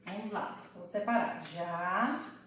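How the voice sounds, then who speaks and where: A woman teaching a Portuguese lesson for children, sounding out words slowly syllable by syllable. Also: on the high side, sing-song, very echoey, recorded from a distance, slight background noise. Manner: slow, syllable-by-syllable explaining.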